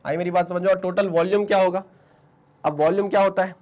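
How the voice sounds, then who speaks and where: A man's voice: high voice, fairly even intonation, fast, darkish tone. A man with a sore throat teaching physics in a Hindi-English mix, asking questions and answering them himself, with Indian-accented English. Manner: Hinglish call-and-response teaching, answers his own questions. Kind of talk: online exam-prep lecture.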